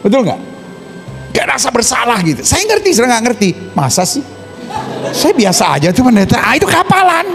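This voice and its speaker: Pendeta pria, khotbah penuh gaya, suara tinggi dan naik-turun, musik samar di latar. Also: male voice, extremely high pitch, normal speed, creaky, soft background music. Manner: animated, acts out scenes with put-on voices, asks the congregation questions. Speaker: pastor. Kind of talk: lively sermon.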